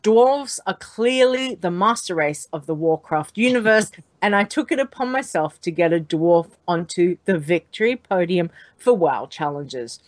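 A woman's voice: on the low side, lively intonation, measured pace, hardly any pauses, no echo. A woman co-hosting a casual gaming podcast, upbeat and chatty, reading listener answers aloud. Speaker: podcast co-host.

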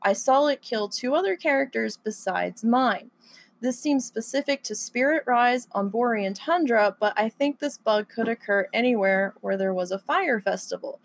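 A woman's voice: a little high, lively intonation, normal speed, gravelly. A woman co-hosting a show in casual chat, with a tentative, self-qualifying way of talking. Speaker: co-host.

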